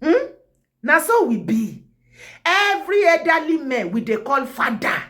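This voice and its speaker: A woman's voice: high-pitched, big pitch swings, unhurried, fairly bright tone. A woman from Ekiti with a Nigerian accent, delivering impassioned commentary, scolding and repeating words for emphasis. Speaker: vlogger. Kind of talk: impassioned commentary in Pidgin and Yoruba.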